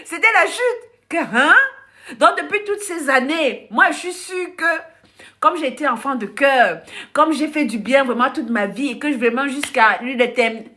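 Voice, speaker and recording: On a live stream, this African life coach delivers an animated, casual monologue at a moderate pace in a high-sitting voice. Frequent laughter, acted-out dialogue, and blunt remarks to the audience fill her storytelling.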